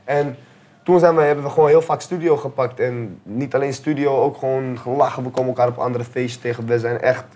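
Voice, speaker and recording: A man's voice: medium pitch, fairly even intonation, a little fast, a little mellow, slight background noise. A young man from the Netherlands, a rapper being interviewed, talking casually in laid-back street slang full of filler tags. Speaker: rapper guest.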